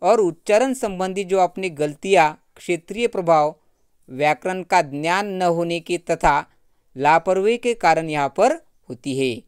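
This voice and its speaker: A man's voice: high voice, measured pace, clean tone, dry recording, clean studio sound. A man teaching a Hindi grammar lesson, reading word lists aloud and repeating each point for students.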